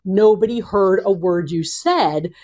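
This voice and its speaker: A woman explaining communication skills in a conversational interview, animated and expressive, speeding up and slowing down for emphasis, speaking from home. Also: medium pitch. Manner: animated, expressive, shifting pace. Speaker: communication coach.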